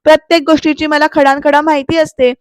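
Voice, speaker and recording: A woman's voice: sits high, flat delivery, fast, no echo, studio quality, natural voice. A woman reading the lines of a bossy, cheeky young woman who insists and teases. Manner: teasing, insistent.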